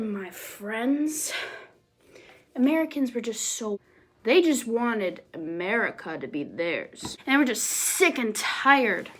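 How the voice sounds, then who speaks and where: A woman presenting a goofy homemade history explainer, playful and jokey, with slang asides and sudden jumps between loud bursts and near-whispers. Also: high-pitched, slightly rough, poor audio.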